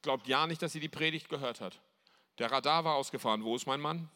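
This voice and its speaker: A man's voice: medium pitch, fast, sharp tone, slight background noise. Male pastor preaching in a reverberant hall. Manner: storytelling, emphatic repetition. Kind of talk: sermon.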